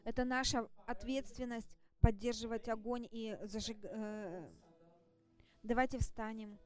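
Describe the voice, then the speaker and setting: A woman delivering a church sermon in short, halting phrases, exhorting the congregation as an interpreter would. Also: fairly high pitch, steady tone. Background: music.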